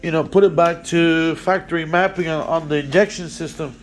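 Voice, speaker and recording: A man's voice: a little high, steady tone, brisk, faint music behind. A man explaining a motorcycle repair in a casual workshop walkthrough, rambling with many fillers and restarts, blunt and swearing now and then. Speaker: motorcycle mechanic.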